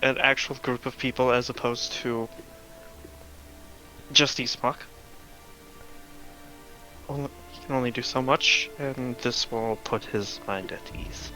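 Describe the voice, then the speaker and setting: Man, game master, bright voice, casual and laughing, voice-chat mic, faint music. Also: medium pitch, fairly even intonation, measured pace, pauses often, low-quality recording. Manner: loose, laughing, swears casually. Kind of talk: casual online tabletop game session.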